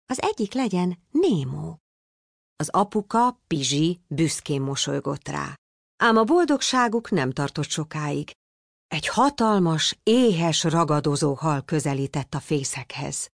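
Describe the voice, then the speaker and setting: Low, gravelly woman reading a tale. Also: dry recording, clean studio sound. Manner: expressive, animated storytelling. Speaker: narrator. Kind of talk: storybook reading aloud.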